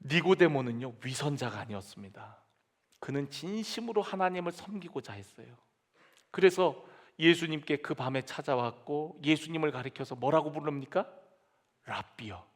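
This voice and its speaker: A man pastor delivering a lively sermon, acting out quoted voices and dropping to soft asides. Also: on the high side. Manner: animated preaching with dramatic quoted voices and sudden soft drops. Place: church sanctuary.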